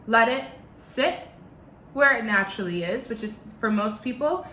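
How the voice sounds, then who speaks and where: A woman's voice: a little high, animated, moderate pace, sharp tone, roomy sound, a little hiss or hum. A young woman with a slight lisp teaching an online singing lesson from her living room, giving step-by-step instructions.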